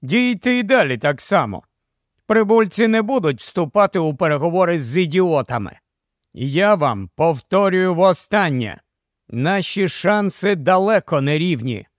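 A man's voice: sits high, expressive, a little slow, no echo, clean studio sound. A man voicing an irate, blunt scientist who scolds the council. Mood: scolding. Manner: angry, blunt.

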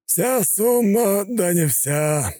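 A high drawling gangster boss. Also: male voice, animated, slow pace, creaky, warm tone, slightly rough, no echo, clean studio sound, full character voice. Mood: mocking. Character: fat sneering male gangster boss, mocking.

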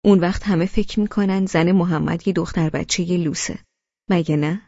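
A woman voicing a gentle, teasing young husband in an audiobook, calm and reasoning, in a dull lo-fi recording. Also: fairly low pitch, in a large hall. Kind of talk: audiobook character reading.

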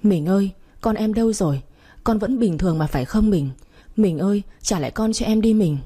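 A woman voicing a young wife pleading desperately for her lost child, in a husky storybook reading. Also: medium pitch, brisk, dark tone, lightly acted. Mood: frantic. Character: young wife frantic over lost baby.

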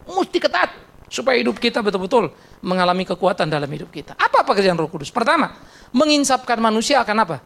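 A male pastor preaching a blunt, emphatic sermon in church. He fires rhetorical questions at the congregation, and his pitch swings sharply when he stresses a point. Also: big pitch swings, fast talker, gravelly, fairly bright tone.

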